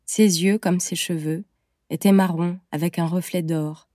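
Low, mellow woman narrating a story. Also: fairly even intonation, no echo, clean studio sound. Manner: measured, gentle storytelling. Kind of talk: scripted audiobook narration.

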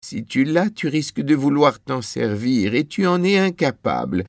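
A man's voice: mid-range voice, sing-song, normal speed, no room sound, studio quality, pitched above the performer's own voice. A man voicing a grim, worried wife who speaks in anxious warnings.

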